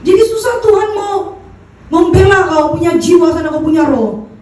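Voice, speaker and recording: High mellow-voiced woman telling her church testimony, halting, far off in a super echoey hall. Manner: earnest, halting, with restarts and repeats. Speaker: church member giving testimony. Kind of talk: personal testimony at a church service.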